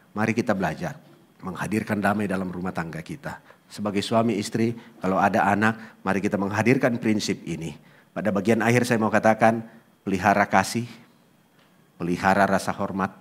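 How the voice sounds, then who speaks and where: A male pastor preaching at an Easter service, telling animated family stories and often asking the congregation to agree. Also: fairly low pitch. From eastern Indonesia. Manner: animated storytelling with acted quotes; asks congregation "ya kan?". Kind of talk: sermon.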